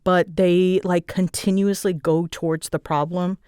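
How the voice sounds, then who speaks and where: With a lowish, unhurried voice, a woman host and voice actress answers audience questions in a loose, rambling way. She tells things dramatically and bounces along with giggles and self-deprecating jokes. Her tone is clean, captured as clean studio sound with no room sound.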